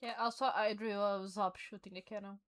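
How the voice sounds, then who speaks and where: A woman co-host chatting casually, adding quiet, low-key remarks. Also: steady tone, fairly quick. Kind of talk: casual chat.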